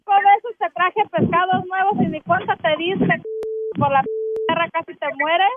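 A woman's voice: very high-pitched, moderate pace, noisy background. A woman calling a radio show, complaining and telling her story animatedly. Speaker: caller. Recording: tinny phone line.

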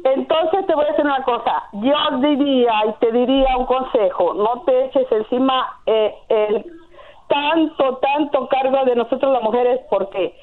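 A woman's voice: sits high, measured pace. A middle-aged woman calling in to a radio show, insistent and preachy, talking over the host. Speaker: caller. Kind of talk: call-in radio chat. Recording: tinny phone line.

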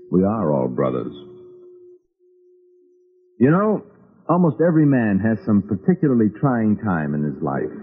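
An actor playing a reflective cavalry officer, narrating an old-time radio drama in a measured storytelling way. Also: male voice, fairly low pitch. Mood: solemn, reflective. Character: reflective male cavalry officer recounting his memories. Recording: tinny phone-like vintage radio recording.

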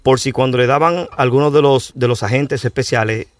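A man's voice: medium pitch, brisk, slight background noise. A man speaking as a guest doctor on a radio show, hesitant and matter-of-fact as he explains.

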